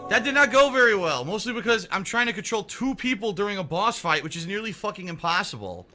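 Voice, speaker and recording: Male gameplay streamer, high register, excitable and exasperated with frequent swearing, music underneath. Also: fast talker. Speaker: video game streamer. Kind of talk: gameplay commentary. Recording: music behind the voice.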